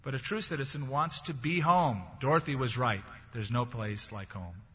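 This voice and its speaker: Bright-voiced preacher in a big hall. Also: male voice, medium pitch, moderate pace, husky. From California. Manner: conversational preaching with humor and quoted scripture. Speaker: pastor. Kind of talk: sermon. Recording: dull recording in a large reverberant hall.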